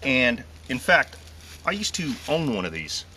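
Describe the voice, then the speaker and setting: A middle-aged host talks gear outdoors in a teasing, animated way. His pitch swings widely and his tone is bright, picked up by a camera several feet away with faint open-air ambience behind. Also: a little slow, a little hiss or hum. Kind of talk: casual show-and-tell chat. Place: outdoors in a wooded park.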